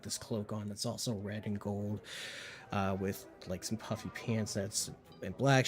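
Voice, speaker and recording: A man's voice: on the low side, darkish tone. Rambling man running a tabletop game. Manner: rambling, lots of fillers. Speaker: game master. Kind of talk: narrating a tabletop game over voice chat.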